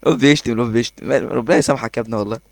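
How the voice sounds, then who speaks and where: A man with an Egyptian accent giving excitable gameplay commentary, laughing often and talking to himself as he plays. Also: mid-range voice, rapid-fire, gravelly, no echo. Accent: Egyptian Arabic. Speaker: gaming YouTuber.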